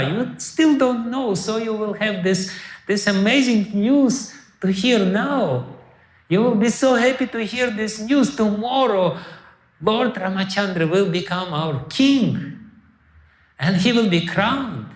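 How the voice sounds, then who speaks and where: A man voicing a joyful old royal nurse woman who speaks excitedly, in an echoey hall. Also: high voice, slow pace, pitched above the performer's own voice. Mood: overjoyed.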